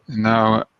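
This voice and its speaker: A man's voice: fairly low pitch, a bit bright, clean tone, no room sound. A man on a thesis jury making formal remarks and asking questions, hesitant and often correcting himself as he searches for words. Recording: dull, dry video-call audio.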